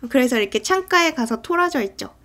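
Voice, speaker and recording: A woman with a fairly high voice talks through a film scene by scene in a relaxed, chatty way. She often breaks into acted lines for the characters. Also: fast talker. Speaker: film recap narrator. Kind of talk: casual movie recap narration.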